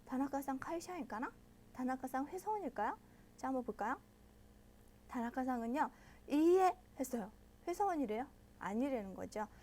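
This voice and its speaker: Brief: bright high-pitched female teacher, patient, walks learners through each point. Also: lively intonation, a little hiss or hum. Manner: patient, explains step by step and checks in with listeners often; models pronunciation slowly and loudly. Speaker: Japanese language teacher. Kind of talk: online language lesson.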